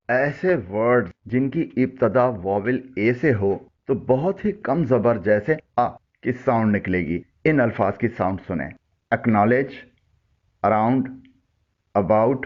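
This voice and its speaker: A man teaching English pronunciation, slowly listing words and giving their meanings. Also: lowish voice. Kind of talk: instructional word-list lesson. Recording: dull lo-fi audio.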